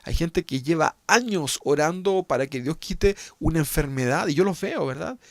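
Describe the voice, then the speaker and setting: A man's voice: on the high side, animated, normal speed, dry recording. A man pastor with a Chilean accent, preaching an emphatic sermon with rhetorical tag questions. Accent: Chilean Spanish.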